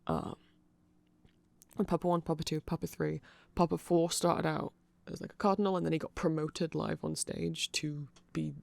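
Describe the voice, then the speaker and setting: An ASMR creator rambles through an explainer in a heavily fried, gravelly voice that is a little high for a man, with little pitch movement. Nerdy and discursive, he doubles back to correct himself and checks in with the listener at a normal speed. The recording is very dry and close, with no echo.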